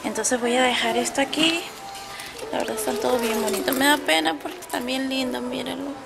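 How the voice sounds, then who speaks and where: Peruvian woman, higher voice, gravelly edge, chatty, noisy store behind. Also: fairly even intonation, a little fast, over loud music. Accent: Peruvian Spanish. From Peru. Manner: chatty, gushing over bargains. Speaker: vlogger. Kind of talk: casual shopping vlog. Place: indoor discount store.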